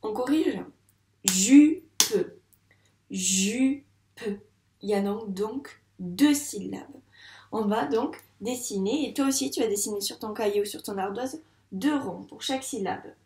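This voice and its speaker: A woman's voice: mid-range voice, mellow. A woman teaching a phonics lesson to a young child, speaking patiently and stretching words out syllable by syllable. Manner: patient, slow, drawn-out syllables. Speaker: first-grade teacher. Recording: roomy echo.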